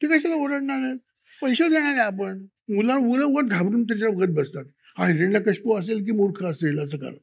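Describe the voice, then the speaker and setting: A man telling lively anecdotes in an interview, acting out quotes from parents and children and laughing often. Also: sits high, fairly quick, vocal fry, breathy edge. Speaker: children's author and interview guest. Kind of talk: storytelling interview talk.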